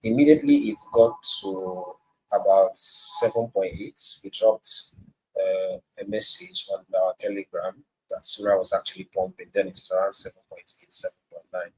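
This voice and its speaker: Host on a video call: man with a low, husky voice, walking through a chart in a casual market breakdown. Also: fairly even intonation, moderate pace, mellow, poor audio. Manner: walks through a price chart step by step. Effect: voice heard over a video call. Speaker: crypto trading host sharing his screen.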